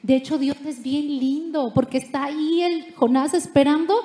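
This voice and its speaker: A woman pastor preaching, retelling the story with playful asides and lively turns. Her voice sits high, and the room around her is echoey. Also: normal speed. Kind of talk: sermon. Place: church.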